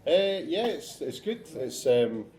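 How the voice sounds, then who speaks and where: In a restaurant, a Scottish chef who teaches students talks in a casual interview, steady and plain-spoken with some restarts. His voice is a little high and slow, and there's heavy background noise.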